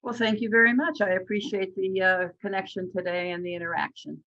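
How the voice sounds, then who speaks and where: A person asking questions in a friendly, tentative way, often pausing with fillers. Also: mid-range voice, fairly even intonation, muffled recording. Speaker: questioner in a session.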